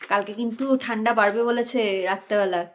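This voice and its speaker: A woman vlogger and mother chatting casually at home, talking softly and straight to her viewers. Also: medium pitch, fairly even intonation, quick pace. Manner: soft, homely, talks straight to viewers. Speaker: vlogger, mother of a small boy. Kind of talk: casual home vlog chat.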